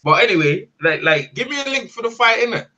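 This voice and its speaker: Man, echoing call audio, high lively voice, bright, slangy, repeats phrases. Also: quick pace, lo-fi sound. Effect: echo on his call audio. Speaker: panel guest on a live stream. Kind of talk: casual chat. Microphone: online call.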